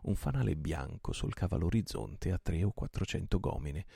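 A man narrates an old adventure novel for a night-time reading, with dramatic, lively phrasing. His voice is low and husky with heavy fry, recorded dry and close. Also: normal speed, dry recording. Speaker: audiobook reader.

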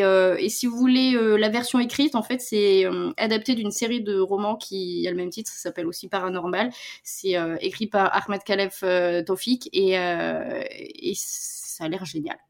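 Chatty French-speaking woman reviewing a series. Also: mid-range voice. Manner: chatty, many fillers and restarts. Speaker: podcast co-host reviewing series. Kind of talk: casual chat.

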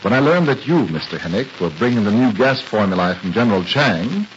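A suave, sardonic villain of a 1940s radio serial, acted by a man. He talks down to everyone with mocking polish and wide swings of pitch. The sound is muffled, with a faint hiss. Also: expressive, a little fast, lightly acted. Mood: smug, condescending. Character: smooth, mocking male crook, a spy posing as chemist. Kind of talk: 1940s radio drama acting.

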